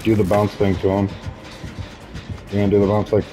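A man calmly explaining game moves to friends during an online match. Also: on the low side, fairly quick. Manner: calm, explaining and reassuring. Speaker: gaming friend. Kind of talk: casual gaming chat. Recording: game music under voice.

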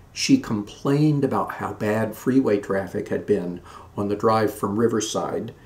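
A man in his sixties reading his own memoir aloud in a measured storytelling way. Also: lowish voice, darkish tone. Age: 60s. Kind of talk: scripted narration of a memoir. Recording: roomy echoey room.

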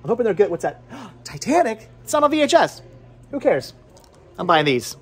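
A man in his forties, a vlogger and movie collector, chats casually and playfully to a handheld camera held at arm's length inside a video and game shop. His voice is high-pitched, sing-song and husky, moving at a moderate pace, and he often interrupts himself as he rambles through this chatty shopping vlog.

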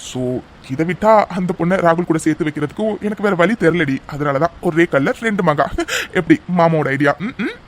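A man's voice: a little high, fairly quick, a little hiss or hum. A man voicing a chatty, affectionate older brother in a cartoon story, teasing as he talks.

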